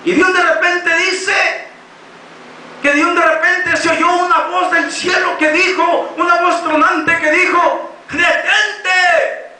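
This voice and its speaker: A man with a Mexican Spanish accent preaching a sermon in a church, impassioned and often shouting. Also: very high voice, level tone, unhurried. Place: church hall. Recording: echoey hall, mic from a distance.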